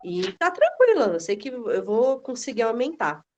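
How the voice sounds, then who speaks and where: Woman, course participant on a group call; lively storyteller who acts out dialogue, slightly high voice. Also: normal speed, a little hiss or hum. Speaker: course participant sharing her experience. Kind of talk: casual chat on a group video call.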